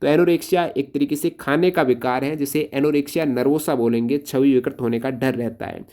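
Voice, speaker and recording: A man's voice: mid-range voice, steady tone, fairly quick, darkish tone. A man explaining science exam questions step by step, asking questions and then answering them himself. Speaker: exam-prep teacher.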